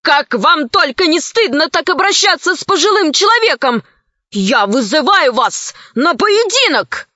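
A woman doing a high-voiced indignant hero. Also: sing-song, measured pace, pushed and bright, no room sound, heavily acted. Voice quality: high-pitched. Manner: indignant, bold. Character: brave indignant male alien hero. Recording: slightly dull, dry recording.

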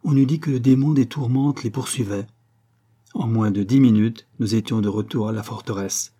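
A man reading a story aloud as narrator, with measured, grave delivery. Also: mid-range voice, fairly even intonation, mellow, husky. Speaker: audiobook narrator.

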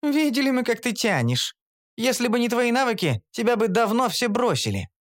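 A man voicing a sharp-tongued, scornful young female elf in an audiobook. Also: sits high, animated, quick pace, voice pushed up. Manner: cutting, insulting. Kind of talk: audiobook character voice.

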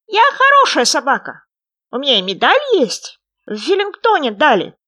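A woman voicing a tiny, playful little male frog in a storybook reading, with squeaky, excited exclamations. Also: moderate pace, heavily acted. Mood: cheerful boasting.

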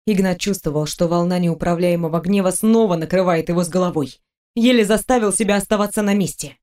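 A woman narrating an audiobook in an even, expressive reading voice. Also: lowish voice, a little fast. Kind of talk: scripted narration.

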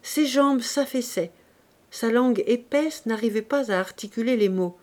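A woman narrating a classic novel as an audiobook reader, in a measured, even storytelling delivery. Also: on the high side.

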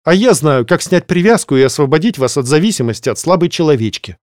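A man's voice: on the high side, expressive, normal speed, a little mellow, no echo, studio quality, voice pushed up, lightly acted. A man voicing an anxious young woman student who pleads and apologizes in a breathless way. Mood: hurt.

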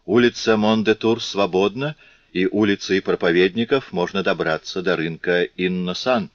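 A man's voice: sits low, normal speed, no room sound, close to an everyday voice. A man voicing a stern, commanding male revolutionary leader, firm and authoritative, in a dull, lo-fi recording.

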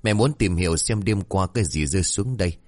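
A man voicing a sharp-tongued, bossy stepmother who scolds and lectures her daughter in a folk tale. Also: deep voice, brisk, no echo, natural voice. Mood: scolding.

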